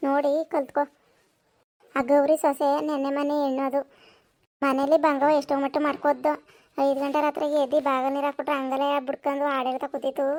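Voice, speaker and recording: Woman doing a shrill, scolding village mother-in-law, old and quarrelsome, comedy skit. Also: close to an everyday voice. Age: older. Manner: scolding, then wailing in a high pitch. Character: nagging elderly mother-in-law, sharp-tongued and whiny.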